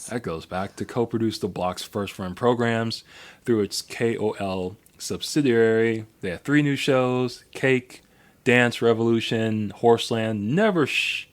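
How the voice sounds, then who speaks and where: A man's voice: mid-range voice, unhurried. A man co-hosting a podcast in casual chat, rambling through a history with many fillers and restarts. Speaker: podcast co-host.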